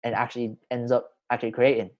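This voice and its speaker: A man's voice: medium pitch, flat delivery, fast talker. A man with a London roadman accent hosting a casual podcast chat, talking in informal slang and often repeating himself. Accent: London roadman, urban slang. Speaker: podcast host.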